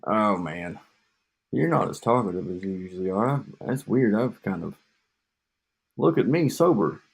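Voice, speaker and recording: This man's voice is fairly low, gravelly and breathy, expressive at a normal speed. Co-hosting a podcast, he rambles and jokes casually, often trailing off mid-thought, and his home setup produces an echo.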